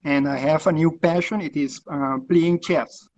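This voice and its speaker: Slow, higher-voiced man on a call. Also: fairly even intonation, a little mellow, dry recording. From Curacao. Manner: slow, hesitant, many pauses. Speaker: club member. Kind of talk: casual chat on video call. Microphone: video call. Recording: dull lo-fi call audio.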